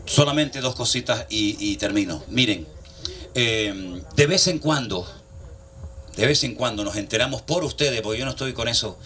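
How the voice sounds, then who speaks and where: A man's voice: mid-range voice, normal speed, a bit bright, a little hiss or hum. A middle-aged man, preaching a sermon as pastor, telling jokey stories, acting out the voices he quotes and laughing often.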